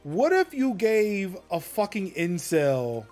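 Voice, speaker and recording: A man's voice: high-pitched, very animated, slow, a little mellow, soft background music. A man hosting a tech podcast, ranting casually and cursing freely, with fillers between thoughts. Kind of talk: casual commentary.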